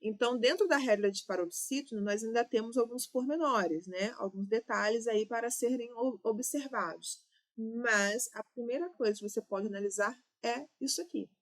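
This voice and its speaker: Her voice fairly high, a woman with a Brazilian Portuguese accent teaches exam-prep grammar, breaking things down step by step and checking in with "ok?" and "né?".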